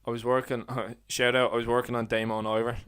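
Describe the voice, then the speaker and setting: A man's voice: medium pitch, little pitch movement, fairly bright tone, clean tone. A young Irish man, an independent filmmaker, chatting casually and swearing freely on a podcast. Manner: rapid, profane, laughs often.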